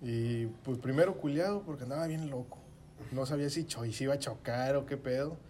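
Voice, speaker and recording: Here the same kind of speaker, a young Mexican-accented man with a mid-range voice, goes at a fairly quick clip over a slight hiss or hum. He's spinning a story for friends in slangy, profane banter, performing his own yelled lines in quotes.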